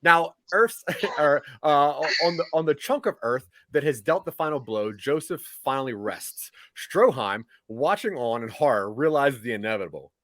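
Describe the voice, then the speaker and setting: Man recapping a show, animated and laughing. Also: medium pitch, normal speed, few pauses, no echo. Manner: lively storytelling, laughing between lines. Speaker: podcast co-host summarizing the episode. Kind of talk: casual recap of a TV season.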